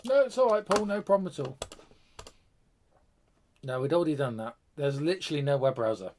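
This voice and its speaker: A man's voice: on the high side, lively intonation, fairly quick, darkish tone, a little hiss or hum. A man with a British accent hosting a casual tech live stream, chatty and rambling, often breaking off with fillers and restarts.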